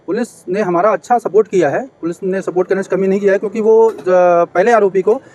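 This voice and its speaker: A man's voice: high-pitched, steady tone, quick pace, a little mellow. A man giving an urgent statement to a news reporter, hesitating with fillers. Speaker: complainant interviewed.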